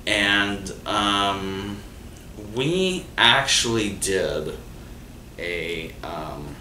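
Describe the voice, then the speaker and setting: Speaking very slowly in a deep voice, this man hosts a casual monologue of personal stories. He rambles, restarts often, leans on fillers, and gets animated when quoting others, all recorded from far off in an echoey room with faint noise.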